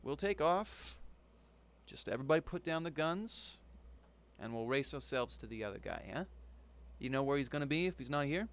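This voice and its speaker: A man's voice: fairly high pitch, animated, moderate pace, voice pushed up. A man voicing a captured male thug who tries to talk his way out, persuasive and wheedling. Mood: pleading, bargaining. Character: male thug held captive, bargaining.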